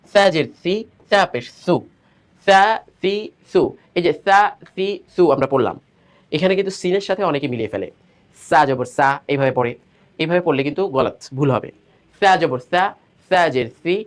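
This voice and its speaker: Male teacher, slightly higher voice, patient syllable drills, explains tongue placement. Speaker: Quran recitation teacher. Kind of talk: step-by-step pronunciation lesson.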